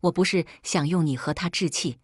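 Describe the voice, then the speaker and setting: A woman voicing a remorseful young man who pleads in a hoarse voice, in an audiobook-style story reading. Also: lowish voice, brisk, no echo, studio quality. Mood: anguished. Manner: pleading, broken.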